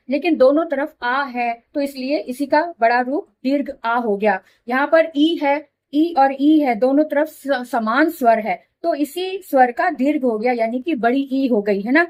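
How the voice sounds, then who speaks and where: A middle-aged woman teaching Hindi grammar in a patient classroom manner, slowly repeating examples and checking that students follow. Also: sits high. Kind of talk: classroom explanation.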